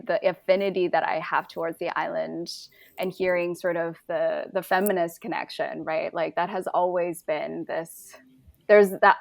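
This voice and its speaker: Low, creaky-voiced woman born in Taiwan. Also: dry recording. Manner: warm affirming, many fillers and laughs. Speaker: host. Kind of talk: casual conversation.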